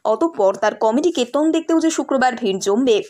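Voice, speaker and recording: A woman's voice: fairly high pitch, expressive, a little fast, darkish tone. A woman delivering scripted entertainment news narration as a voice-over reporter.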